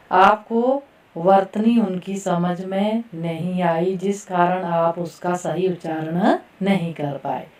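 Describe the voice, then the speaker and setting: A woman teacher leading a slow Hindi pronunciation lesson, carefully repeating each word for students to echo. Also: fairly low pitch, darkish tone. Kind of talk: classroom lesson, pronunciation drill. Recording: echoey room, voice from far off the mic.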